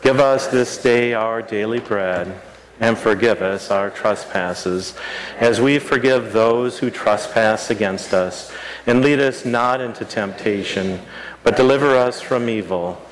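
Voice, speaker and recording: A man speaking as a pastor, leading liturgical prayer in a solemn, measured, phrase-by-phrase way. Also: fairly low pitch, a little hiss or hum, rough recording. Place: live church service before a congregation.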